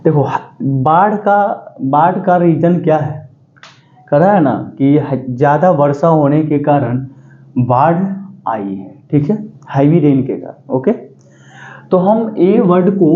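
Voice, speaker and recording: A man teaching exam vocabulary in a lecture, repeating key words slowly and quizzing his students. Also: on the high side, narrow, tinny audio, slight background noise. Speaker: English teacher.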